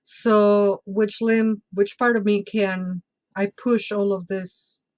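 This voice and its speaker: A woman's voice: medium pitch, slow pace. Woman telling a personal story conversationally. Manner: expressive, conversational, often checking in with "right?". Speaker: podcast guest.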